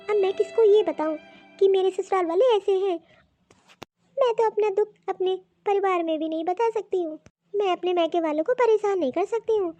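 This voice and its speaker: A woman's voice: very high-pitched, dark tone, pitched above the performer's own voice. Woman doing a meek, pleading young daughter-in-law. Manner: pleading and complaining. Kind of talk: cartoon voice acting.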